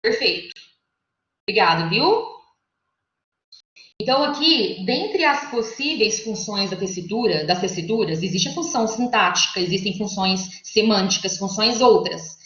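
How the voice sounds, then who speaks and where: A woman's voice: mid-range voice, lively intonation, measured pace, a bit bright. A woman giving an academic lecture over a video call, explaining step by step and often checking in with her listeners. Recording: echoey, muffled online call audio.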